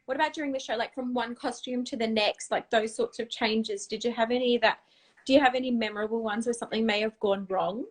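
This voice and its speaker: A woman's voice: fairly high pitch, steady tone, fast. A woman hosting a casual livestream chat, telling backstage stories with lots of laughter. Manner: warm chatty storytelling with laughter. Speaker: host.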